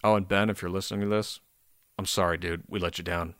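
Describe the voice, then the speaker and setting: A very tired, sleepy man with a gravelly voice, hosting a podcast in casual, rambling, self-deprecating solo chat with some casual swearing. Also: sits low, little pitch movement, fast talker, fairly bright tone, no room sound, studio quality. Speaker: podcast host.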